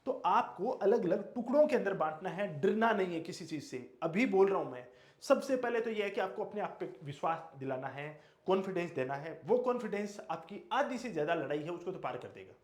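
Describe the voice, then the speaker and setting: Male coaching teacher, high lively voice, emphatic and repetitive, echoey room. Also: fairly quick. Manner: emphatic, repeats key words, asks and answers own questions. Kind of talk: motivational exam lecture.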